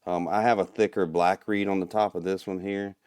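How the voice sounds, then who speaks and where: Deep-voiced man explaining calmly. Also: a little fast, smooth, no echo, studio quality. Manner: relaxed, explains step by step with fillers. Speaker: guest, turkey call maker. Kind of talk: casual podcast chat.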